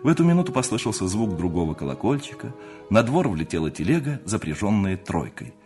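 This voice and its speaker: A man reading a classic novel aloud as an audiobook narrator, expressive and measured. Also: lowish voice, soft background music. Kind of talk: scripted narration.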